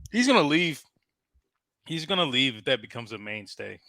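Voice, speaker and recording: A man co-hosting a casual car talk show, animated and joking, trailing off at times. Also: mid-range voice, normal speed, creaky. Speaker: podcast co-host.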